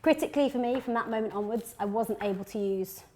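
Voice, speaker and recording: A woman's voice: on the high side, fast talker, warm tone. A woman from Birmingham in her thirties, a company founder chatting casually while cooking in a home kitchen, full of fillers and restarts. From England (Birmingham).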